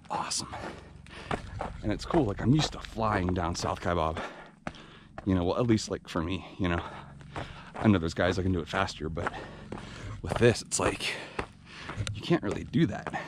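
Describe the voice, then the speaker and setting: A man vlogging while hiking a remote canyon trail, talking in a relaxed, rambling, half-whispered way. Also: low-pitched, noisy background. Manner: relaxed, rambling, lots of fillers. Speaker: trail runner vlogging a hike. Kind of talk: casual outdoor vlog narration.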